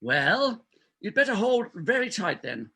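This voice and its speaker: In a comic farce done as readers theatre, a man voices a self-important hospital doctor who is exasperated, scheming, indignant and emphatic. He commits to a full character voice: high-pitched, very animated but unhurried, gravelly and sharp with a breathy edge.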